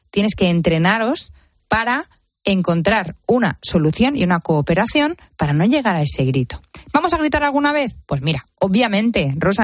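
A woman's voice: fairly low pitch, no echo, studio quality. A woman talks animatedly about raising children and acts out the voices of the people she quotes. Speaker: parenting guest expert. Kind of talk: casual chat.

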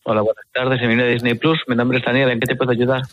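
A man's voice: medium pitch, flat delivery, rapid-fire, no echo. A man working as a customer service agent on a phone call, polite and patient and playing along good-humoredly.

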